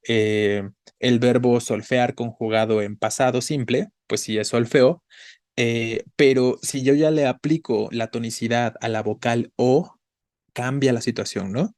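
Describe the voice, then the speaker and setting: A man's voice: mid-range voice, a little mellow, dry recording. Patient male Spanish teacher, dry sound. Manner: patient, checks in with frequent "¿no?" and "¿vale?"; spells out syllables slowly. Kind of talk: online grammar class.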